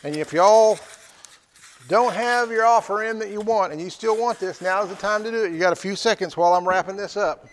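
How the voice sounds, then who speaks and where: A man's voice: high-pitched, fairly quick, a little hiss or hum. A man calling a live-streamed auction in a casual, folksy way, repeating prices and phrases. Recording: echoey hall with long reverb.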